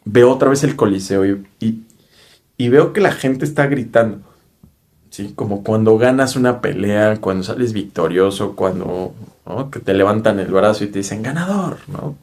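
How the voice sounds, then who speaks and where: A man's voice: lowish voice, moderate pace, darkish tone. A man with a Mexican accent earnestly recounting a personal spiritual experience, often checking in with his listeners with tag questions. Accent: Mexican Spanish. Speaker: spiritual speaker. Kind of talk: personal storytelling monologue.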